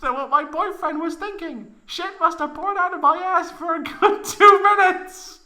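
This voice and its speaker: At a moderate pace and a very high, bright, pushed pitch, a woman voices a proud and melodramatic young woman in a comedic fan fiction reading. Telling an embarrassing story, she comes across as anguished and overwrought, close to laughing.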